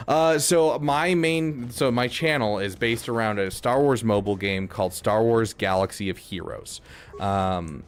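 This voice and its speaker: A man's voice: mid-range voice, measured pace. A man streaming a video game, chatting casually and rambling with lots of fillers. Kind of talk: casual gaming stream chat.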